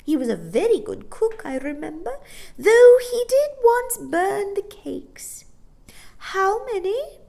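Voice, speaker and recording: A woman voicing a tiny, bossy old shopkeeper woman in a storybook, with a shrill, squeaky, cackling voice that swings between scolding and cooing. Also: very animated, slow pace, creaky, dark tone, heavily acted. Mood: sweet, coaxing.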